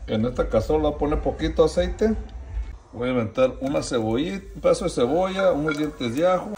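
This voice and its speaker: A man's voice: a little high, animated, a little fast, darkish tone, a little hiss or hum. A man, casually vlogging his family day and narrating his cooking, playful and tender with his baby.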